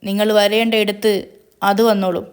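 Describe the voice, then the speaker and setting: A woman's voice: mid-range voice, level tone, normal speed, clean tone, natural voice. A woman voicing a male villain who mocks and threatens over the phone. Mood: taunting. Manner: mocking, taunting, threatening. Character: menacing male villain, gloating kidnapper.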